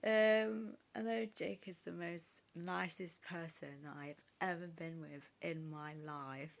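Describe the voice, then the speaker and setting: A young woman talks to her phone camera in a loose, confessional vlog. Her voice sits low with a gravelly fry. She sounds upset and close to tears, and she trails off and restarts often. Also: steady tone, slow. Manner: rambling, emotional, many fillers and restarts. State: upset, tearful. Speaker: vlogger. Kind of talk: casual confessional chat to camera.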